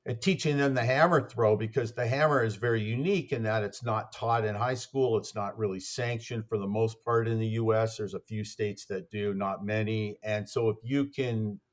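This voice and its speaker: A man's voice: fairly low pitch, fairly even intonation, normal speed, few pauses. A man, an athletics coach, telling stories as a podcast guest in a rambling way, full of fillers and restarts. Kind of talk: casual conversational storytelling.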